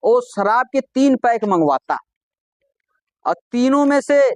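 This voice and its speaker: Slow-paced man telling folksy stand-up jokes, lively pitch. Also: no room sound. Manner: folksy, conversational storytelling with acted-out dialogue. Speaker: stand-up comedian.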